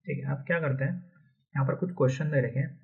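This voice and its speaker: A man's voice: medium pitch, fairly even intonation, fast, creaky, breathy edge. A man teaching a chemistry lesson, explaining step by step and repeating key terms often. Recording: dull lo-fi recording.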